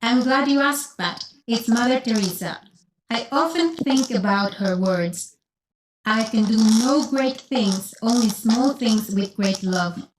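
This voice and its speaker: A woman's voice: a little high, unhurried, background noise, close to an everyday voice. A woman playing an orphanage founder in an interview. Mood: calm. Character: warm-spoken female orphanage founder. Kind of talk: scripted course-audio interview.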